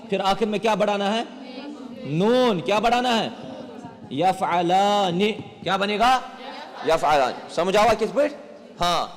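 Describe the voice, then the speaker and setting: Man, teacher, high voice, quizzing students, classroom recording with long reverb. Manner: quizzes students and repeats answers, praising them. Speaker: Arabic grammar teacher. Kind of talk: classroom lesson with question and answer.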